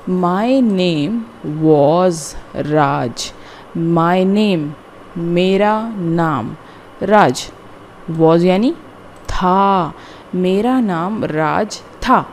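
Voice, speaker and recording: A woman teaching a grammar lesson, explaining slowly and deliberately word by word, with frequent repetition. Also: mid-range voice, a little mellow, a little hiss or hum. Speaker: English teacher. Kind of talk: classroom-style grammar lesson.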